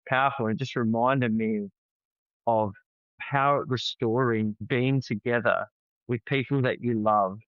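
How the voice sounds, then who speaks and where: A man's voice: medium pitch, steady tone, unhurried, dry recording. A man, a podcast guest telling stories in an earnest, conversational way and often repeating words as he restarts. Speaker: podcast guest, founder of a family program. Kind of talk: conversational storytelling. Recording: slightly dull, dry podcast audio.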